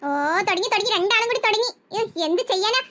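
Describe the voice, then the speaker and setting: A woman's voice: very high-pitched, quick pace. A woman voicing a harried, exasperated mother who scolds her children in a family comedy sketch. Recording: noisy home recording.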